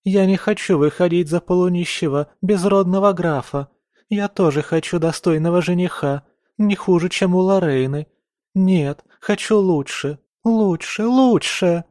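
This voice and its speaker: A man voicing a spoiled young noblewoman, whiny and hysterical, shouting through tears. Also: high voice, a little slow, no echo, clean studio sound, pitched above the performer's own voice. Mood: tearful.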